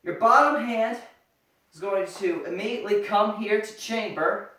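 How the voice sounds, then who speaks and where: A karate instructor teaching step by step, with sharp martial arts commands. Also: medium pitch, moderate pace. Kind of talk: step-by-step karate demonstration lesson. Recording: echoey room, far from the mic.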